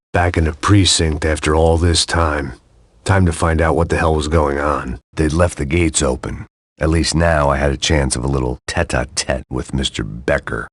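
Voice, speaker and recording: With a very deep voice on a dry recording, a male actor plays a weary, cynical hard-boiled ex-cop, delivering dry, sardonic inner monologue as video game voice lines.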